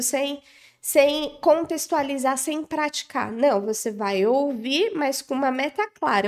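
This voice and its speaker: High-pitched young woman, online lesson, teacherly, explanatory, frequent check-ins. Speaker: English teacher and mentor. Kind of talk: online lesson on study techniques.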